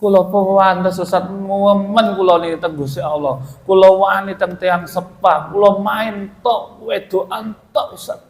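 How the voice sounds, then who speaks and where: A man's voice: high-pitched, fairly even intonation, measured pace, pitched above the performer's own voice. A male preacher voicing a remorseful, paralyzed former thug with a Javanese accent, pleading and confessional. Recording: echoey hall.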